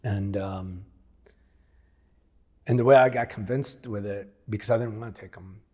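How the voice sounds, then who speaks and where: A man's voice: lowish voice, fairly even intonation, moderate pace, mellow. A man in his forties telling his story as an interview guest, frank and plain-spoken, often acting out past conversations. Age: 40s. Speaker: interview guest, former military operator.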